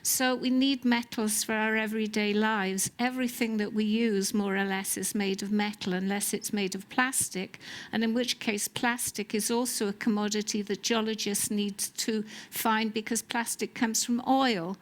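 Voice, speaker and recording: A woman with a Welsh accent, a geology professor explaining her work in a TV interview, pausing often with um and uh. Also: medium pitch, fairly even intonation. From Wales. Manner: explanatory, with many um and uh hesitations. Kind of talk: TV studio interview.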